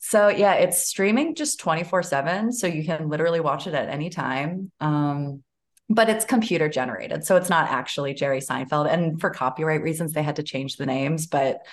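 A woman's voice: low-pitched, moderate pace. A woman therapist co-hosting a podcast, chatting casually and laughing often.

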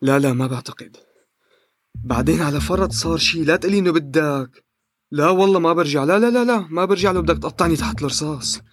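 A husky, fearful, self-serving villager. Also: male voice, fairly high pitch, quick pace, no echo. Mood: defensive. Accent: Levantine Arabic. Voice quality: evasive, defensive. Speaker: villager in a radio drama. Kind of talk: audio drama acting.

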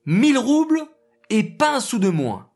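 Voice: medium pitch, animated, a little slow, pitched above the performer's own voice. A storyteller voicing a poor, stubborn man who insists firmly on his price. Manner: stubborn, emphatic.

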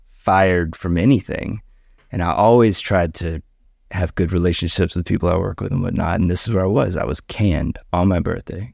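A man's voice: deep voice, gravelly, darkish tone, no room sound, studio quality. A middle-aged man, a podcast guest, casually telling a personal story and acting out the voices of the people in it. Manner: conversational, acts out quoted voices.

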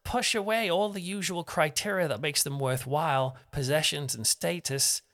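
A man's voice: a little high, moderate pace, a bit bright. A young man giving a conversational, self-deprecating devotional talk as a preacher. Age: young adult.

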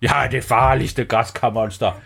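Brief: man playing a tiny boastful pumpkin monster, deep and drawn out, husky, pompous and touchy in a bedtime story. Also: fairly even intonation, a bit bright, full character voice. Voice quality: deep, slow voice.

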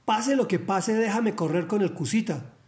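A man's voice: high voice, moderate pace, darkish tone, close to an everyday voice. A man voicing an eager young male messenger in a Bible reading, earnest and insistent. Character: eager young male runner bringing news.

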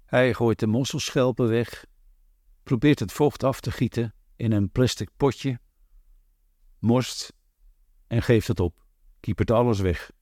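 A man reading a literary novel aloud in a measured, deliberate way. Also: medium pitch, darkish tone, no room sound, studio quality. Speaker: audiobook narrator.

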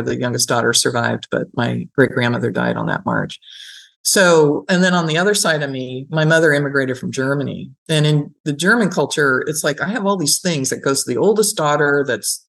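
With a deep voice marked by vocal fry and a slight brightness, this middle-aged gerontology professor talks through a conversational interview. She reflects, explains, tells personal stories, and often says "right?" and "you know" to check in.

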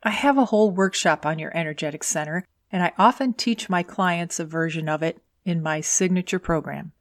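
A woman's voice: fairly low pitch, brisk, no echo. A woman hosting a scripted solo advice podcast, coaching in a tidy, orderly, instructional way. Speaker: podcast host and career coach.

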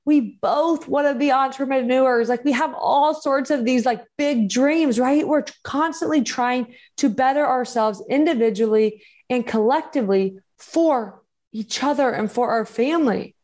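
A woman's voice: high voice, measured pace, a little mellow. A woman hosting a motivational podcast solo, talking in an encouraging, earnest, emphatic and conversational way. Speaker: podcast host and growth coach.

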